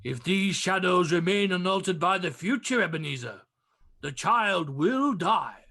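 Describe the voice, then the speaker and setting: Man acting a high, creaky, solemn ghost. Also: expressive, unhurried, sharp tone, exaggerated voice. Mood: solemn, foreboding. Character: solemn, foreboding Christmas spirit, a ghost. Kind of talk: amateur radio-play acting.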